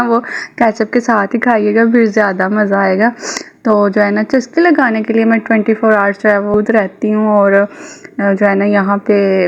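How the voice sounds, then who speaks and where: A woman's voice: fairly high pitch, creaky. A young woman with a Punjabi accent, vlogging in a chatty, giggly, rambling way with lots of fillers. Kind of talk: casual chat to camera. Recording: dull lo-fi sound.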